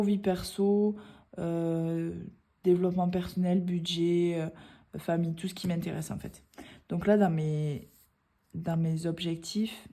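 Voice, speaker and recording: A woman's voice: on the low side, warm tone. A woman, chatting casually in a vlog, rambling with many hesitations. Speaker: budgeting vlogger. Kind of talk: casual chat.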